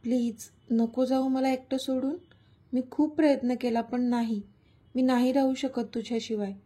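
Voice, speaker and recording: A shy, emotional young heroine from a romance storybook, as the narrator reads her. She pleads in a gentle way. The voice sits a little high, with a mellow, breathy tone. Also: steady tone, moderate pace. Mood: pleading.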